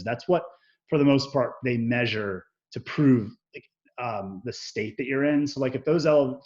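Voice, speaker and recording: Profane, animated man, muffled audio. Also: mid-range voice. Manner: profane, animated, acts out quoted dialogue. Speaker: interview guest. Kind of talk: candid personal storytelling.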